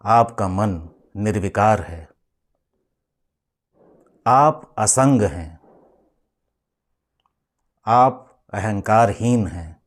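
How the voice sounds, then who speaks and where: A spiritual teacher guides a meditation, his voice sitting on the low side yet expressive. He speaks in a measured, instructive manner, leaving deliberate pauses.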